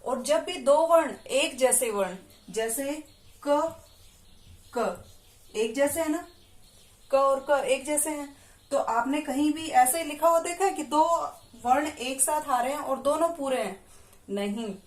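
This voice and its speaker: A woman's voice: high-pitched, takes it slowly, roomy sound. A woman teaching a primary school lesson, patiently drawing out syllables and asking the children questions. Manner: patient, stretches out syllables and quizzes the listener. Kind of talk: classroom lesson.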